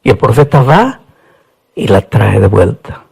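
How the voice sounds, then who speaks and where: A man preaching a sermon, telling a story with feeling, his voice climbing high at the peaks. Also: sing-song, a little slow, gravelly, a little mellow, husky, rough recording.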